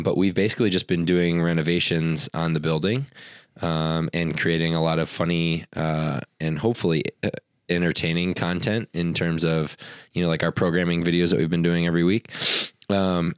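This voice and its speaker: Deep voiced guy cohosting a podcast, rambly with lots of um and like, dry close sound. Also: little pitch movement, normal speed, clear, resonant tone, dry recording. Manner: rambling, many fillers and restarts. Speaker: podcast co-host; fitness coach. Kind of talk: casual chat.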